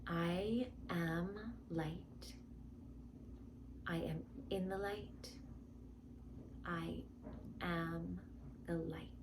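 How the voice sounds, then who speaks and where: Slow, hushed woman guiding meditation in near-whisper. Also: fairly low pitch, steady tone, noisy background. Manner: slow, gentle delivery with long pauses. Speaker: meditation guide.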